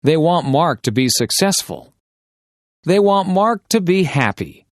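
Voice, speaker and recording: A man reading short, simple sentences as dictation for English learners, enunciating each one carefully and deliberately. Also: on the high side, sing-song, noisy background.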